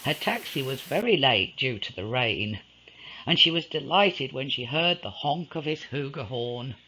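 A man reading a ghost story aloud in a slow, dramatic storytelling manner. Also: mid-range voice, animated, pushed and bright, husky, low-quality recording. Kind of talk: scripted ghost-story narration.

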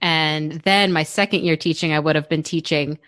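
A woman's voice: low voice, fairly even intonation, moderate pace, fairly bright tone, clean tone, dry recording, studio quality. A young woman co-hosting a podcast, chatting casually with many fillers and laughs. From United States. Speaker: podcast co-host. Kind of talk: casual chat.

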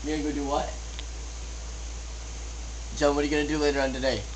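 A young man with a slightly high voice speaks in casual, slangy bro talk. He keeps pressing with insistent, repetitive questions. The amateur recording carries faint noise. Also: flat delivery, fast. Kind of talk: casual chat. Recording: noisy amateur night-time recording.

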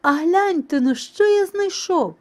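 A woman voicing a hardworking, patient male rooster in a storybook reading, calling out brightly. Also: sits high, very animated, unhurried, pitched above the performer's own voice.

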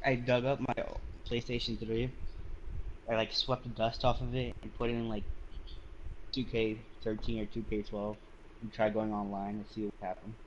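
A man's voice: lowish voice, level tone, moderate pace, lo-fi sound, a little hiss or hum. A young man chatting casually with friends during an online game. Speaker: co-player. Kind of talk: casual gaming chat.

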